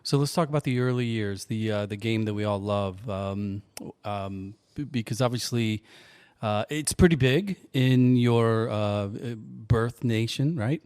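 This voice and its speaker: A man's voice: on the low side, darkish tone, smooth, no room sound. Joking male podcast host, dry sound. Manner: joking, halting with fillers and restarts. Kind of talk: casual podcast chat.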